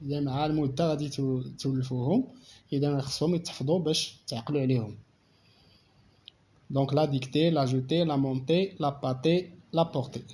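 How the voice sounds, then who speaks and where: Moroccan man teaching slowly, higher voice. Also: steady tone, warm tone, slight background noise. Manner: slow, repetitive explanation, reading French aloud. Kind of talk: French grammar lesson explained in Moroccan Arabic.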